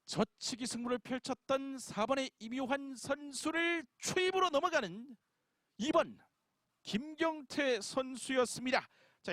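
A man's voice: very high-pitched, a bit bright, no room sound. A man giving live race commentary like a motorsport commentator, with an urgent delivery that builds toward the finish.

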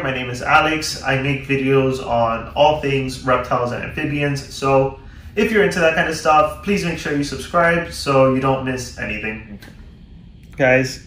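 A man's voice: medium pitch, a bit bright, echoey room, a little hiss or hum. A young man in his twenties vlogging about his reptiles at home, eager and full of fillers and repeated words. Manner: enthusiastic, many fillers and repeats. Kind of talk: casual vlog. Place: room at home with reptile tanks.

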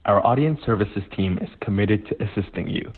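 A man's voice: on the low side, fairly quick. A man's recorded phone message reading automated menu options in a formal, evenly paced announcer manner. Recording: tinny phone line.

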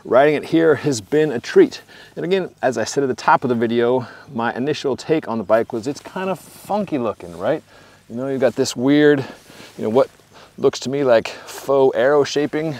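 A man's voice: mid-range voice, darkish tone. A man in his forties giving a casual, conversational product review outdoors, with wry asides. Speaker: bike reviewer. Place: outdoors beside trees and trails.

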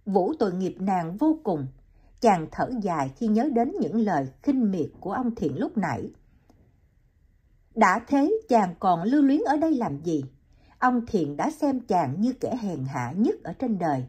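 A woman narrating a novel in a calm, measured audiobook reading. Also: medium pitch, husky. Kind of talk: scripted narration.

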